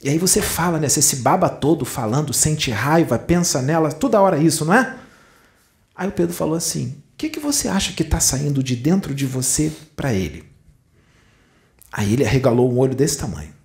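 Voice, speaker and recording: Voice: medium pitch, animated, a little fast, gravelly, a little mellow. A spiritist lecturer with a Brazilian Portuguese accent, telling a story in a conversational way and acting out the dialogue in different voices.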